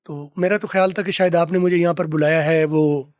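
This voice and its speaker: A man teaching English from film dialogue, repeating phrases slowly to drill pronunciation. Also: on the high side, steady tone, smooth, dry recording, studio quality. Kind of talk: lesson explaining film dialogue.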